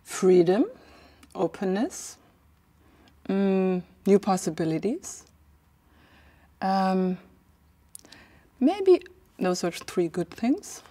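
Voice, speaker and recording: A woman's voice: medium pitch, lively intonation, drawn-out words, pauses often, mellow. A middle-aged woman, an artist giving a reflective documentary interview and searching for her words. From Iceland. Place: large indoor hall.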